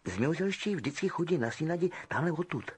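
Man reading as a flustered schoolboy, eager, husky, storybook reading. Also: a little high, sing-song, pitched above the performer's own voice, exaggerated voice.

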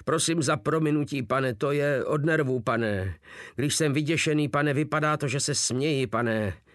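A man voicing a frightened soldier who rattles off hurried, stiffly formal replies, in an audiobook reading. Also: medium pitch, a bit bright, dry recording, clean studio sound, close to an everyday voice. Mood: nervous. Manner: hurried, nervous military replies.

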